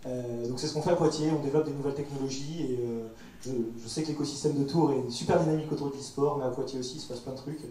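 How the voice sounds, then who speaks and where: A man's voice: medium pitch, steady tone, fast, few pauses, warm tone, slight background noise. A man in his twenties from Paris, a startup founder telling his story on a panel in a chatty, joking way. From Paris, France. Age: 20s. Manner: chatty storyteller with light jokes. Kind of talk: casual panel talk. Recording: roomy hall mic from far off.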